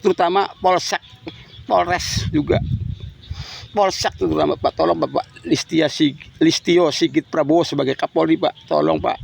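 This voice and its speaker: A man's voice: fairly high pitch, steady tone, moderate pace, vocal fry, husky. A grieving middle-aged father making an impassioned, pleading public appeal to the authorities, repeating himself and addressing them respectfully over and over. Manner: pleading, repetitive, ends phrases with "Pak".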